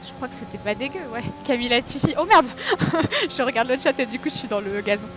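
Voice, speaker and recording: Here the woman's voice is a little high and her pace quick, with music playing in the background and racing engines roaring behind. Streaming the game live, she chats with her audience, lets out excited yelps at her errors, and teases herself.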